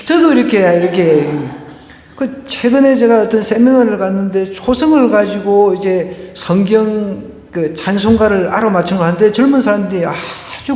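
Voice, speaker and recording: This pastor's voice is high and slightly mellow, recorded in a church hall with plenty of echo. Preaching conversationally from the sanctuary, he asks the congregation questions and shares a funny story.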